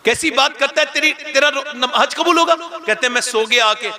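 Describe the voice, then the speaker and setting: A male preacher delivering a sermon, telling the story with emotion and drama. His voice sits very high. It also sounds very bright. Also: normal speed.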